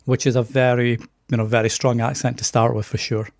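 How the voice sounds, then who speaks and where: A middle-aged man from Scotland with a softened Scottish accent tinged with Canadian, chatting easily and with self-deprecating laughs as a podcast guest. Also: medium pitch, little pitch movement, fairly quick, no room sound, clean studio sound. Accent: softened Scottish with a slight Canadian tinge. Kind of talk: casual interview chat.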